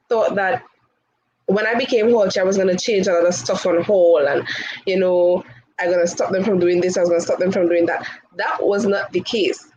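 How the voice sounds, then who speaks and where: A Tobagonian woman in her twenties, seated in a hall chair as an interview guest, speaks outspokenly and laughs often in a casual conversation. Her Tobago accent comes through a medium-pitched, slightly mellow voice, and the poor recording carries slight background noise.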